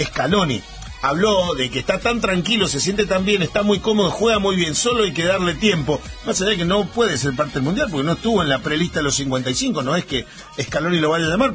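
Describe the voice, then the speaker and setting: Argentine man, radio sports host, bright raised voice, halting chatty delivery over a faint music bed. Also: high voice. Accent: Argentine Spanish. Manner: conversational, halting with fillers.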